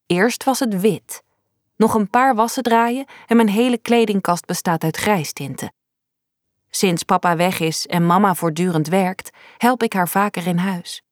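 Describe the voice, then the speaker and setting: A woman reading a youth novel aloud in the first person, in an even, measured way. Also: medium pitch, dry recording, clean studio sound. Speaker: audiobook narrator. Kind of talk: first-person storybook narration.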